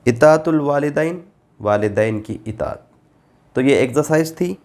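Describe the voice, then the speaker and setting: A man's voice: mid-range voice, lively intonation, a little mellow. A male teacher giving a Quran translation class, reading Arabic phrases and explaining their meanings patiently, repeating forms for drilling. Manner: reads Arabic phrases then gives Urdu meanings, slow and deliberate. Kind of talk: classroom grammar lesson.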